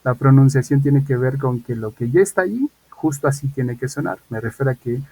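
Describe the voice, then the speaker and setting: Gravelly teacher on a video call. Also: male voice, medium pitch, fairly quick, a little mellow, low-quality recording. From Mexico. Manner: explanatory, checks in with "ok?". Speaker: English teacher. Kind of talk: online class explanation.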